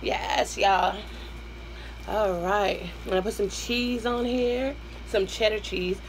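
Between mouthfuls, a Southern US-accented woman with a hoarse, mid-range voice chats casually with her viewers, calling them y'all and humming as she eats in this mukbang. She sits close to the camera at a table in a small room at home, speaking slowly with fairly even intonation. The recording is low quality, with traffic humming faintly outside.

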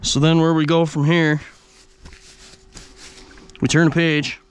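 In a slow, clean voice that sits a little high, a man restoring an old diesel engine talks viewers through each stage of the repair. His manner is easygoing, like a mechanic explaining his work as he goes.

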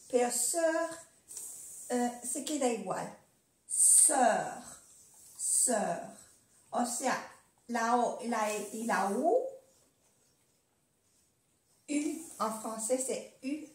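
An older woman gives a patient language lesson from her home, saying each word slowly and again and again. Her voice sits fairly high and her pace is unhurried. The room around her has a noticeable echo. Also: lively intonation, a little mellow. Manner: patient, repeats words slowly, many tag questions. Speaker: language teacher. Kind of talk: casual video lesson.

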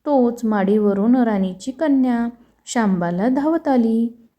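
A woman narrating a devotional fasting story in a steady, even way. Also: on the high side, lo-fi sound.

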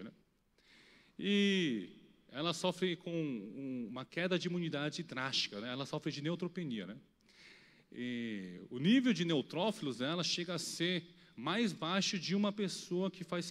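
A young man giving an emotional sermon testimony with a Brazilian Portuguese accent, pleading and swinging from shouted appeals to quiet storytelling. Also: on the high side, big-room sound. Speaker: preacher.

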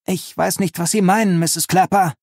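Narrator doing a timid clerk, stiffly polite, higher than the narration, audiobook. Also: steady tone, normal speed, a little mellow, breathy edge, no room sound, clean studio sound. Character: timid, put-upon middle-aged man clerk. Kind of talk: audiobook reading.

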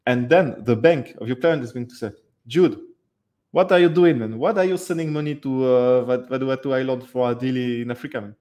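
Answering viewer questions on a livestream, this thirtysomething man speaks briskly in a mid-range, slightly mellow voice. His talk is loose, with plenty of fillers and false starts. The room is dim, and a headset or desk mic captures him on webcam.

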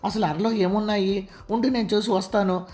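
Give me a woman playing a worried middle-aged mother, anxious and mellow. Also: medium pitch, steady tone, brisk, close to an everyday voice. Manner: anxious, fretting.

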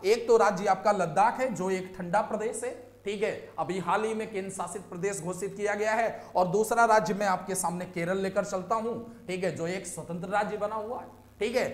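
A man's voice: high voice, roomy sound. A man teaching an exam-prep lecture, explaining step by step and often checking in with his students.

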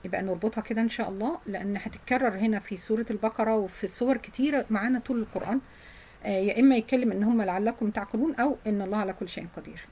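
A woman with an Egyptian Arabic accent teaching Quran memorization, explaining in casual colloquial speech and reciting verses slowly. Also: medium pitch, dark tone, slight background noise, low-quality recording.

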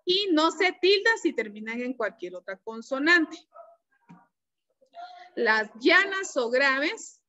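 A woman teacher giving an online class, explaining slowly and patiently and checking often that her students follow. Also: sits high, bright, forceful tone. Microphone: computer mic on a video call. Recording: dull, lo-fi video-call audio.

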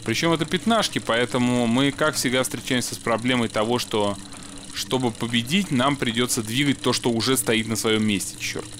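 A man's voice: medium pitch, normal speed, fairly bright tone, a little hiss or hum. A man playing a puzzle game with a friend, chatting casually and muttering mild curses as he works things out. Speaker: let's play gamer. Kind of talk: casual co-op gameplay chat.

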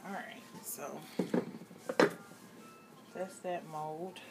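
A woman's voice: low voice, steady tone, drawn-out words, loud music behind the voice. A woman giving a casual hands-on demonstration as host, thinking aloud while she works, recorded indoors at a home counter. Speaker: host, handmade soap maker. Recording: clearly noisy home recording.

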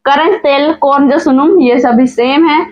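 A woman hosting a casual whiteboard vocabulary lesson, reading out word pairs slowly and repeating each one with care. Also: high-pitched, highs cut off. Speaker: language teacher, channel host.

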